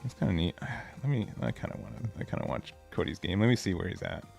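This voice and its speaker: A man's voice: low voice, sing-song, fast, vocal fry, a little mellow, faint music behind. A man hosting a live card game tournament stream, commentating casually in a laid-back, rambling way with self-mocking asides.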